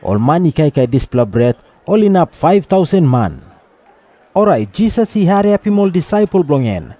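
Man, Papua New Guinean accent, scripture narration, high pitch, lively intonation. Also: moderate pace. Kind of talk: scripted Bible narration in Tok Pisin.

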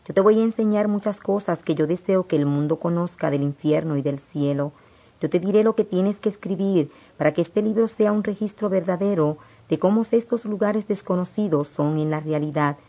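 A woman voicing a gentle, solemn male divine speaker, read in an even, earnest tone with little change from her own voice. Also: on the low side, normal speed. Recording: dull lo-fi recording.

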